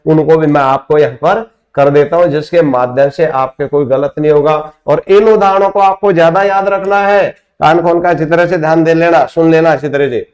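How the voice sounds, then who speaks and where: A man's voice: on the high side, darkish tone. A man teaching a grammar lesson at a whiteboard, explaining step by step and asking his students rhetorical questions. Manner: addresses students as friends.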